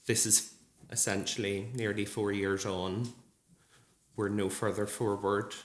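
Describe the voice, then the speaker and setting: A man in his early thirties, a nurse, giving a personal testimony at an event in an earnest, measured way with frequent ums. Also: on the low side, little pitch movement. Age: 30s. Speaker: nurse speaking at a support group event. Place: large gallery hall. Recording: echoey hall with faint ambience.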